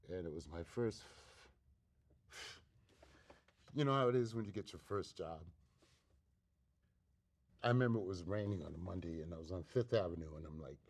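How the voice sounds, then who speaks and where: A man, an actor being interviewed, telling a casual and animated anecdote. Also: low voice, a little slow, long pauses.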